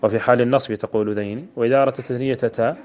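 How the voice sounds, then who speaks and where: A man's voice: medium pitch, steady tone, rapid-fire, darkish tone. A man from Mauritania, a sheikh teaching grammar, who goes through a poem line by line, repeats word forms and chants the verses he quotes. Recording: dull lo-fi recording.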